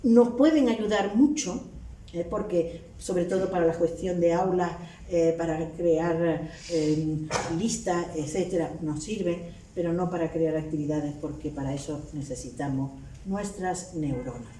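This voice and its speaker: A woman's voice: on the low side, measured pace. Canarian-accented woman lecturing in a roomy hall. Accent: Canarian Spanish. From Canary Islands. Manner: lively, wry, with teasing asides. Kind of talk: formal academic lecture. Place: hotel hall. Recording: roomy hall audio from a distance with faint noise.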